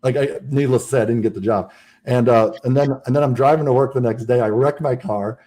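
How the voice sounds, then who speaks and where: A man's voice: mid-range voice, mellow. A man who is a podcast guest, telling his own life story in casual talk, earnest and full of restarts. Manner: earnest, rapid, with frequent restarts.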